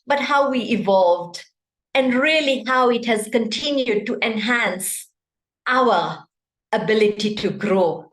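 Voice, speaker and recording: A woman from Kenya, giving a prepared speech over a video call and often putting questions to her audience. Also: fairly high pitch. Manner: interactive, poses questions to the audience. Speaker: club speaker. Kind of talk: prepared speech at an online meeting. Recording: echoey room.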